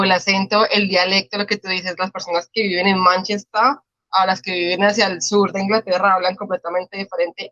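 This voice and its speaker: A woman's voice: medium pitch, fairly bright tone, no echo, muffled recording. A woman with a Colombian Spanish accent hosting an interview, talkative and asking follow-up questions. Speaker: podcast host. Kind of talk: conversational interview.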